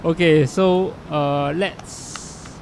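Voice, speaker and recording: A middle-aged Singaporean man with a Singaporean English accent gives loose, chatty solo live commentary on a lawn bowls final at an outdoor bowling green, self-deprecating and full of fillers and asides. His voice is fairly high, steady, gravelly and a little mellow, extremely slow, on a noisy outdoor live stream.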